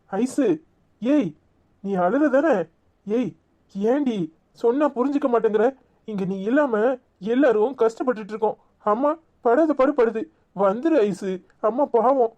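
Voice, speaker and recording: Here is a woman voicing a worried young husband in a cartoon with a Tirunelveli accent. The voice is mellow, a touch high, and coaxing. He keeps pleading softly and patiently. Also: dull audio. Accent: Tirunelveli Tamil.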